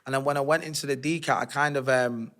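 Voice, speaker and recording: A man, an interview guest telling his life story in a candid, animated, slangy way. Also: medium pitch, fast talker. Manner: streetwise, animated, slangy retelling with acted-out quotes.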